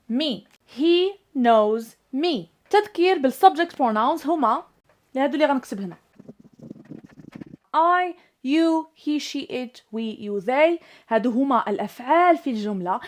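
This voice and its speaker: A high-pitched woman with a Moroccan Arabic accent teaches English grammar. She explains in Moroccan Arabic and slows way down, stressing each example sentence. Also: a little hiss or hum.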